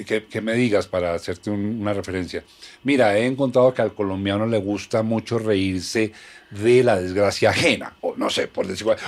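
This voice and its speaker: A man hosting a podcast interview who presses his guests for a precise answer and works through the question analytically. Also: lowish voice. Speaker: podcast host.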